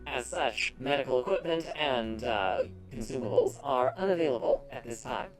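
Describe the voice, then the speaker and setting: A man's voice: mid-range voice, expressive, normal speed, lightly acted, poor audio. A man, the game master, voicing a polite, formal robot quartermaster in a put-on robot voice during a tabletop game. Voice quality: stiff, formal robotic delivery. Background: elevator music playing.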